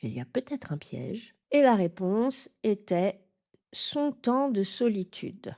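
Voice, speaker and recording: A woman teaching French pronunciation, saying model sentences slowly and carefully, from the south of France. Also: mid-range voice, big pitch swings, vocal fry, mellow.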